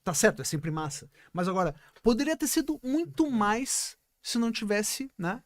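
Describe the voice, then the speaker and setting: A man with a fairly high voice that sounds dry and close to the mic. He guests on a casual podcast and explains points emphatically, often pausing to check that the listener follows. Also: very animated, dry recording. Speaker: podcast guest, business partner.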